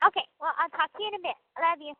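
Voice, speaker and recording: A woman talking casually over a prison phone line, relaxed and answering briefly with soft agreeing sounds. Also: very high-pitched, very fast, a little hiss or hum. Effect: speaking over a prison phone line. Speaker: inmate on a phone call. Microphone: telephone handset.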